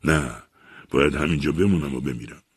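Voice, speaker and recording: A man voicing a grief-stricken man who mourns his dying wife and his lost brother, in an audiobook reading, with a husky, gravelly voice and raised outcries. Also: rumbling low, dry recording, studio quality. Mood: despairing. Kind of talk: audiobook narration.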